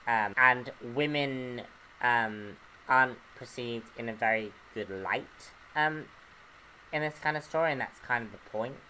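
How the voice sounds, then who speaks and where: A man giving an unscripted comic book review, earnest and hesitant, often pausing to search for words. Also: medium pitch, pushed and bright, slight background noise, low-quality recording.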